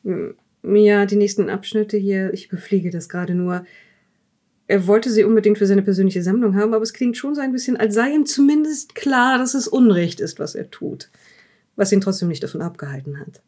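An actress plays a curious, probing woman investigator who examines a dead man's journal in an improvised audio drama, reading from it and holding a dialogue. Her voice is thoughtful and mellow, medium in pitch, fairly quick, and close to an everyday voice.

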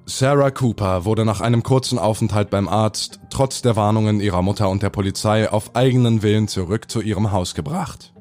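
A man's voice: on the low side, brisk, hardly any pauses, darkish tone, soft background music. A man narrating a scripted horror audio drama in a formal, report-like way.

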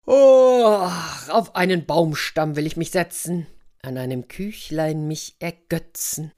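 A big, gruff storybook bear, as a woman puts him on, booming and bossy, grumbling louder than the telling around him. He sounds greedy and short-tempered, voiced a little low. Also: slow. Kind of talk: storybook reading.

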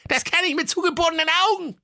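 A man's voice: fast, pushed and bright, no room sound, clean studio sound, heavily acted. A man voicing a vain, boastful evil wizard who sneers in a comic fairy-tale reading. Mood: scornful boastful. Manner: shrill, scornful and boastful.

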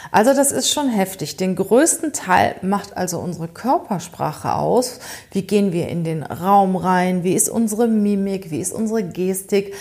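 A woman presents an educational podcast in a relaxed, conversational way. She speaks straight to the listener and keeps asking rhetorical questions as she explains her points. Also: mid-range voice. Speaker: podcast host.

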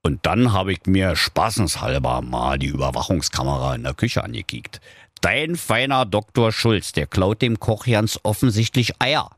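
A man's voice: low voice, lively intonation, moderate pace, no echo. A man doing a grumbling gossipy king. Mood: complaining. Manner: complaining, colloquial, chatty. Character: grumbling middle-aged king, blunt and gossipy.

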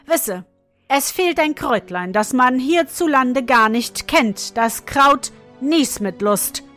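A woman's voice: high voice, lively intonation, slow, a bit bright, soft background music, pitched above the performer's own voice, heavily acted. A woman voicing a mocking, mysterious male guest who looks down on the cook, in a storybook reading. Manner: sneering, superior.

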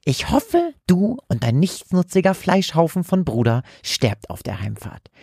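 A man's voice: a little high, huge pitch swings, a little slow, gravelly, a little mellow, husky, dry recording, clean studio sound, pitched above the performer's own voice, exaggerated voice. A man voicing a sinister, spiteful voice that belongs to a hidden face in a spoken horror story, hissing and gloating.

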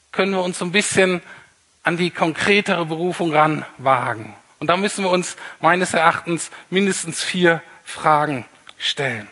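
A man's voice: fairly high pitch, fairly bright tone, slightly rough. A man preaching a sermon in a conversational way, repeating his key points for emphasis. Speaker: pastor.

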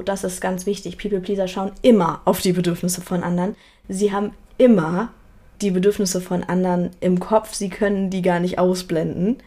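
A woman's voice: medium pitch, a little mellow. A young woman hosting a solo talk, speaking earnestly and reflectively, often restarting and repeating words. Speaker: podcast host.

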